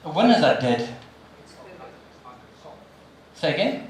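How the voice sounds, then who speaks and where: An older man with a South African accent giving a live motivational talk, firing questions at the audience in an animated way. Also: a little high, slow pace. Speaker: motivational speaker. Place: large hall with a live audience. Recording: echoey hall, from a distance, audience audible.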